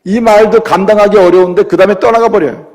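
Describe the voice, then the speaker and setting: A man's voice: high voice, steady tone, quick pace, darkish tone. A man preaching a sermon as a pastor, asking his congregation questions and acting out quoted voices. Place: church sanctuary. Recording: long reverb of a church hall.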